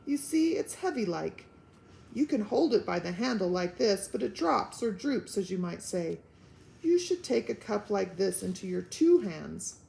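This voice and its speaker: A gentle little old storybook man talks in unhurried, folksy rustic grammar, as a woman reads him. His voice is gravelly and creaky, and it rises and falls a lot. He sounds homely and reassuring. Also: medium pitch, very animated, heavily acted, rough recording. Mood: explaining.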